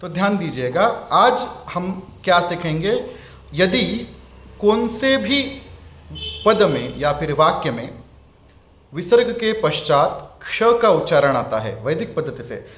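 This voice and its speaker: A man with an Indian accent teaching Sanskrit recitation, chanting verses slowly and repeating each one patiently, sometimes switching into English. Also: fairly high pitch, lively intonation, a bit bright, roomy sound. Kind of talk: spoken lesson with chanted verses.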